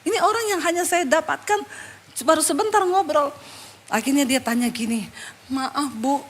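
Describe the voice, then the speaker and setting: High-voiced woman preacher telling a funny story. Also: lively intonation, brisk, a little hiss or hum. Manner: humorous, addresses the congregation directly. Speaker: pastor. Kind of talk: sermon storytelling.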